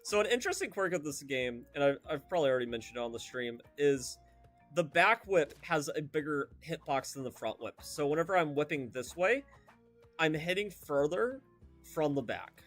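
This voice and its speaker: A man's voice: on the high side, lively intonation, normal speed, fairly bright tone, faint music behind. A young man streaming a video game, chatting casually and rambling off into tangents with lots of fillers. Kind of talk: casual gameplay commentary.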